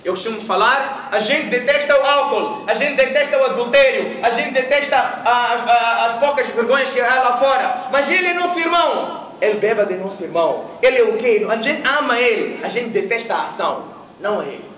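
A man's voice: extremely high pitch, brisk, a bit bright, a little hiss or hum. A man from Mozambique preaching a sermon in a mosque hall, telling a story and questioning his audience. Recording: echoey room, voice from a distance.

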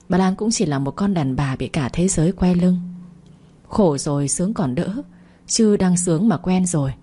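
Husky-voiced woman narrator. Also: lowish voice, dark tone. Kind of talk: audiobook story narration.

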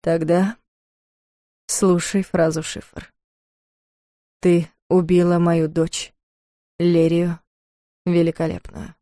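Woman reading a composed male fiancé, quiet, low, unhurried, warm mellow tone, dry sound. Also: little pitch movement, no room sound. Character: calm self-possessed man, devoted fiancé.

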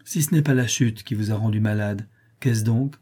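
A brisk, kindly apothecary questioning a sick child, read by a man in a dark, mellow voice. He sounds a little husky and speaks plainly. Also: on the low side. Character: kindly blunt male apothecary, middle-aged. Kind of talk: audiobook reading.

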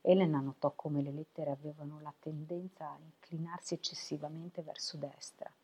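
A woman reading a novel aloud for web radio, steady and unhurried. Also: sits low, slight background noise. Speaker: volunteer reader.

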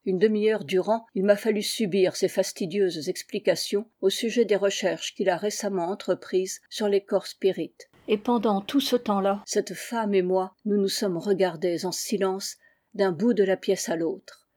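A woman's voice: medium pitch, normal speed, warm tone. A woman reading a classic story aloud in the first person, with tense, feverish delivery. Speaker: audiobook reader. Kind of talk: first-person literary narration.

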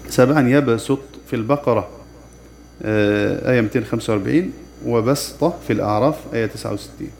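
A man's voice: mid-range voice, gravelly, darkish tone. Man teaching Quran recitation rules. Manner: explains rules plainly, pauses with filler "aah", slows to chant quoted verses. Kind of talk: tajweed lesson with recited examples.

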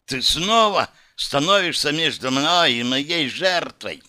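A man's voice: fairly high pitch, lively intonation, sharp tone, voice pushed up, exaggerated voice. A man growling as a bloodthirsty demon brute. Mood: enraged. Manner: growling, slow and menacing. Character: brutal bloodthirsty male demon gladiator. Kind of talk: audiobook character voice.

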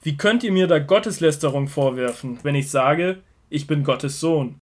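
In this scripted biblical audio drama, the actor voices a calm teacher and shepherd, speaking slightly higher than a typical man. His lines come as measured, earnest declarations carrying quiet authority, with a firm, challenging mood. The acting is light.

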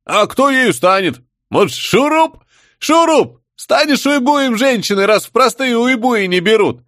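A man's voice: very high-pitched, animated, moderate pace, fairly bright tone, no room sound, clean studio sound, voice pushed up. A man voicing a rowdy, crude crowd of male savages, jeering and bickering.

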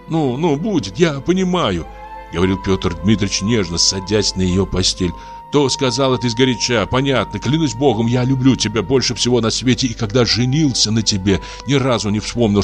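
A man voicing a big, gentle husband who talks softly and tenderly, pleading with his wife. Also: mid-range voice, close to an everyday voice. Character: large, gentle, bewildered husband. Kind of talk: audiobook character voice.

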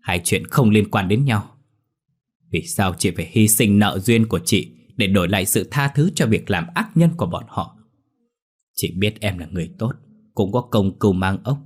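A male narrator playing an icy young wife who refuses a plea with calm, measured detachment. The voice stays low and husky, slow and unmoved, like a line in a spoken horror story. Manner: cold, flat, measured. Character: cold, detached young wife, icily dismissive.

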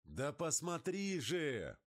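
A man voicing a daring, thrill-loving male pilot, calling out loudly and excitedly in an audiobook. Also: fairly high pitch, slow pace, voice pushed up, exaggerated voice. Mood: shouting. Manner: loud excited shouting. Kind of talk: audiobook character voice.

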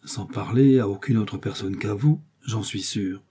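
A man's voice: lowish voice, measured pace, dark tone, husky. A man playing a foolish eager shopkeeper. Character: foolish, eager middle-aged male shopkeeper.

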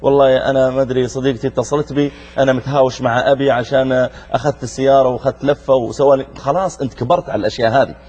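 Racing along with hardly a pause, this middle-aged Saudi preacher keeps his medium-pitched, slightly mellow voice steady in tone. Hosting a youth show, he speaks straight to his young audience and poses questions to them. The audio sounds dull.

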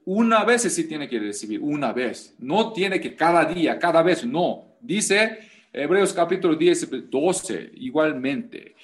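Slow, emphatic male pastor. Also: on the high side. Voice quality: animated, rising to loud emphasis. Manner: non-native Spanish, emphatic repetition, rhetorical questions. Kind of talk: sermon.

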